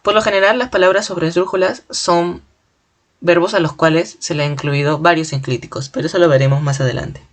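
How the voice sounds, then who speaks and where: A teacher giving a spoken grammar lesson in a clear, deliberate way, slowly stretching out example words syllable by syllable. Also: medium pitch, fairly even intonation. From Peru.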